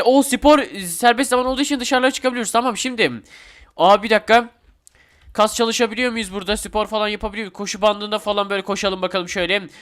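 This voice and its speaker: A young man commentating a Roblox game with excitable, chatty talk to his viewers, a bit sick. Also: sits high, clear, resonant tone. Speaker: gaming YouTuber.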